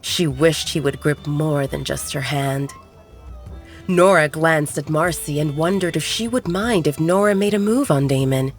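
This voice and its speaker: With a deep voice and a measured pace, a woman tells a scripted romance story as an audiobook narrator. Background music runs under her voice throughout.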